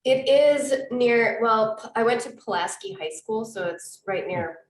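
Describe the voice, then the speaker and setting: A woman's voice: fairly high pitch, lively intonation, measured pace, reverberant, poor audio. A woman from Wisconsin with a Wisconsin accent, chatting casually as a podcast guest and laughing easily. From Wisconsin, US Midwest. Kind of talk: casual interview chat.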